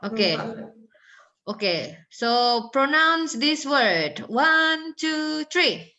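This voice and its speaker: A woman's voice: sits high, very animated, extremely slow, pushed and bright, muffled recording. A woman lecturing on English phonology in a casual online class, chatty and joking with students, mixing in English terms.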